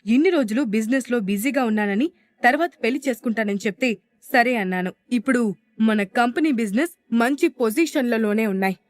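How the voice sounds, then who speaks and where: A woman's voice: fairly high pitch, fairly quick, no echo, natural voice. Rajeshwari, a pushy insistent mother, as a woman reads her. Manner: insistent, scolding.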